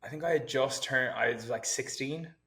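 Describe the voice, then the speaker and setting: A man in his 20s, a fitness coach appearing as a podcast guest, chats casually in a medium-pitched, slightly bright voice at normal speed. He's self-mocking and rambling and laughs a lot. The room is roomy and echoey.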